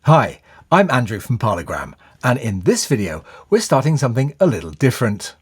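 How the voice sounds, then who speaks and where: A man hosting and narrating a video in a measured, scripted way. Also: mid-range voice, sing-song, slightly rough. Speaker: host.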